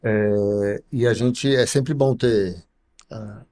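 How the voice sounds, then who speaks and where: A middle-aged man, a university professor, explaining things slowly as a podcast guest, with many pauses and tag questions. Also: fairly low pitch, steady tone, mellow. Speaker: computer science professor guest. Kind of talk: podcast interview.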